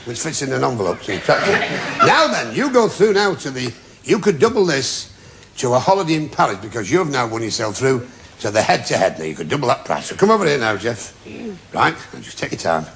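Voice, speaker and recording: A man's voice: medium pitch, sing-song, a little fast, vocal fry. A man hosting a television game show in a studio, bantering with contestants and cracking puns. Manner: jokey, punning, teasing contestants. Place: TV studio with a live audience. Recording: loud audience and noisy broadcast sound.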